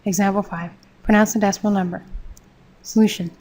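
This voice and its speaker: Woman reading out a math textbook lesson, pretty monotone, steady and measured. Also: medium pitch, rough recording. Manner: steady, measured, step-by-step explanation. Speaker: math teacher.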